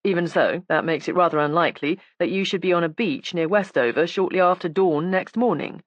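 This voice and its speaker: A woman's voice: fairly low pitch, fairly quick, dry recording, muffled recording, lightly acted. A woman reading an audiobook, voicing a stern male police inspector who speaks in a cool, clipped, ironic way. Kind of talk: audiobook character voice.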